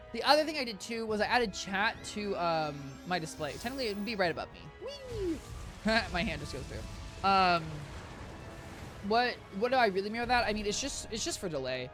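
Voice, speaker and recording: A game streamer with a high, squeaky voice chats casually with their audience on a live stream, rambling and often correcting themselves. The sound is a bit bright, picked up by a compressed desk mic.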